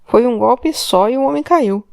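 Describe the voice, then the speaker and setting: A woman's voice: a little high, lively intonation, moderate pace, vocal fry, darkish tone, dry recording, clean studio sound, voice pushed up. A woman reading an audiobook, voicing an old immigrant father who answers in short, hesitant words. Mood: subdued. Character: old Portuguese immigrant father, ashamed, timid. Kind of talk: audiobook character voice.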